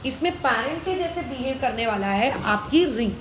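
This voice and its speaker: Indian woman, chemistry teacher, high voice, spells terms aloud, poses and answers questions, faint noise. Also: animated, normal speed. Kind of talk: online lesson, working problems aloud.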